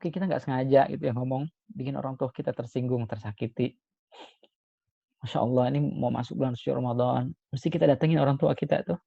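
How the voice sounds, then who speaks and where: A male Islamic preacher giving a sermon, expressive, moving between emphatic points and soft, hushed asides. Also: mid-range voice, fast talker, creaky, dry recording, muffled recording. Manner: expressive, swings between emphatic and soft hushed delivery, frequent pious exclamations.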